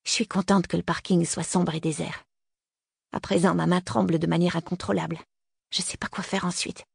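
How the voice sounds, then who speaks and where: A woman narrating a novel in the first person, tense and hushed in narration and livelier in dialogue. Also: lowish voice, little pitch movement, normal speed, gravelly, breathy edge, dry recording, clean studio sound. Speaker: audiobook narrator.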